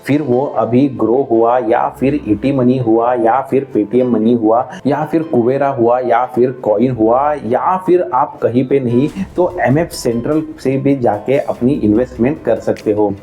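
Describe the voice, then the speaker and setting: A man's voice: mid-range voice, measured pace, few pauses, narrow, tinny audio, faint music behind. A man explaining investing options in a conversational, step-by-step way. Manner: conversational, walks through examples step by step. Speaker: finance educator. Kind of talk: explainer video.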